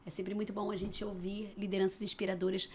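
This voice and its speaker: Female co-host, gracious and appreciative, mid pitch, light noise behind. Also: flat delivery, fast. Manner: gracious, appreciative, wraps up questions. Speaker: podcast co-host. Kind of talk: casual interview talk.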